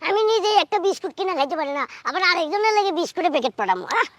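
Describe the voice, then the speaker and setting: Squeaky broke village guy, fast, dry close sound. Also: sing-song, fairly bright tone, no echo, full character voice. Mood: indignant. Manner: indignant, squeaky sped-up voice. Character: broke cheeky young village man.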